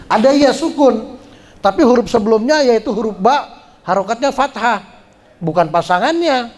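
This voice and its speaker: A man teaching Quran recitation rules at a study gathering, explaining patiently and chanting drawn-out syllables to show pronunciation. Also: high-pitched, a little mellow. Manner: slow, patient explaining with frequent "ya" check-ins. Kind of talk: tajwid lesson at a religious study gathering.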